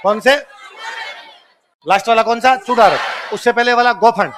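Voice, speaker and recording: Male exam-coaching teacher, Rajasthani accent, high voice, drills lists call-and-response, faint classroom murmur. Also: moderate pace, a crowd in the background, noisy background.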